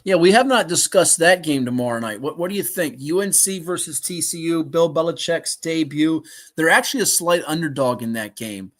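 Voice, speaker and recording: A man hosting a live sports talk show, calling plays and teasing his co-host, bursting into shouts and laughter. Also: on the high side, lively intonation, brisk. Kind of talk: live game-watch commentary chat.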